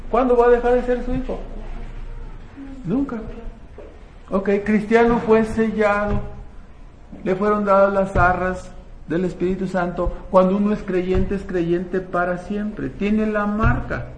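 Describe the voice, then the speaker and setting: High-voiced preacher, echoey room. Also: male voice, level tone, measured pace, long pauses, a little hiss or hum. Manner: conversational, asks the congregation rhetorical questions. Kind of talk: sermon. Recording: echoey room, faint ambience.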